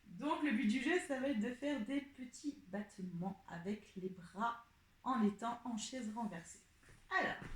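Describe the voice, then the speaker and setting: A woman teaching a pilates class, calmly cueing each breath and movement step by step. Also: a little high. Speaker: pilates instructor. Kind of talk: guiding an exercise class. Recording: echoey room.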